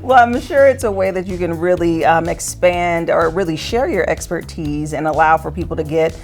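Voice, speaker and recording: A woman's voice: on the low side, moderate pace, a little mellow, soft background music. Upbeat woman hosting a talk show. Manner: upbeat, encouraging, frequent affirming murmurs. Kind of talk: lifestyle TV hosting. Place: dental office.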